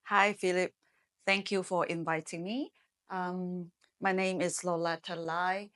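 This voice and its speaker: A middle-aged woman from Hong Kong, a marketing executive giving measured, explanatory interview answers. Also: lowish voice, flat delivery, a bit bright. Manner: measured, explanatory, with some fillers.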